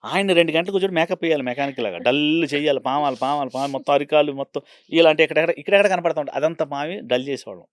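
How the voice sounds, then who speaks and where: A man's voice: a little high, racing, dry recording. A middle-aged man, a film art director, telling set stories in an interview and acting out the lines he quotes. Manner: acts out quoted dialogue, slips into Tamil impressions. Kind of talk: animated storytelling interview. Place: Telugu film channel interview.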